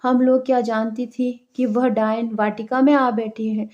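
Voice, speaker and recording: A woman's voice: a little high, little pitch movement, measured pace, darkish tone, dull audio, natural voice. A woman voicing alarmed, gossiping village women in a storybook reading. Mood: panicked.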